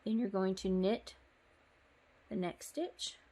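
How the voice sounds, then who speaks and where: A woman's voice: medium pitch, fairly even intonation, takes it slowly, warm tone. A woman giving a casual step-by-step knitting tutorial, chatty and apologetic, with frequent ums. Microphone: phone.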